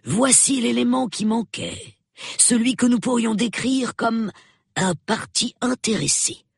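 A woman reading an audiobook, voicing a composed older gentleman who speaks in a measured, dry way. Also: a little high, gravelly, husky, no room sound, pitched above the performer's own voice, full character voice. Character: composed older English gentleman, retired policeman.

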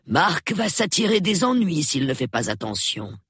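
Woman voicing an older gentleman, measured. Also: sits low, sing-song, slightly rough, dry recording, clean studio sound, pitched above the performer's own voice, exaggerated voice. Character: composed older English gentleman, retired policeman. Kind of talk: audiobook reading.

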